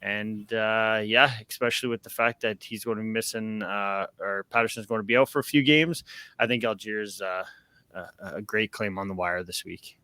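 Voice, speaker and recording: A man's voice: lowish voice, steady tone, normal speed, sharp tone, no echo. A young man hosting a casual sports podcast, upbeat and rambling with plenty of fillers. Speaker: podcast host.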